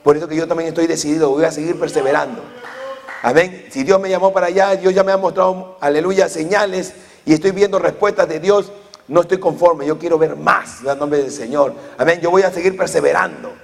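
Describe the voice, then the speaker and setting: A man in his forties delivers a fervent church sermon in a high, gravelly voice. He peppers his words with amen and hallelujah, and the sound rings with the long reverb of a church hall. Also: fairly even intonation, fairly quick. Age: 40s. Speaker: pastor.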